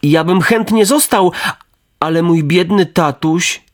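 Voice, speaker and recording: A man's voice: high-pitched, takes it slowly, voice pushed up. A man doing an eager puppet boy.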